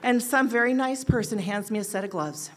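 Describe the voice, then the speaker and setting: A woman in her sixties, an oncology nurse, telling a story to an audience and acting out quoted lines with sudden jumps in pitch and loudness. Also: a little fast.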